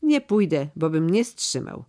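A man's voice: fairly high pitch, very animated, unhurried, darkish tone. A man reading the part of an aging, loyal steward who speaks in a solemn, earnest, old-fashioned way. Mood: grave, earnest. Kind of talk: audiobook character reading.

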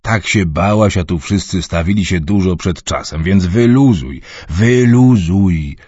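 A man voicing a bald older uncle who speaks loudly and heartily, coaxing a relative to calm down. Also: low-pitched, normal speed, slightly rough, no echo. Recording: dull muffled recording.

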